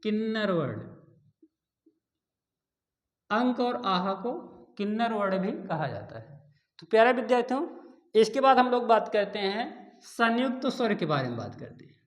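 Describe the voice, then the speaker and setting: A man teaching a grammar lesson to exam students, repeating key terms slowly and asking and answering his own questions. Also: high-pitched, big pitch swings. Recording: echoey room.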